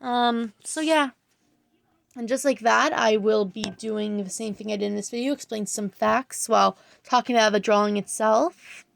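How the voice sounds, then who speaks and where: A woman's voice: on the high side, moderate pace, vocal fry, dry recording. A woman talking casually over her drawing video, rambling and hesitant, full of fillers and self-corrections. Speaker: art channel creator, student.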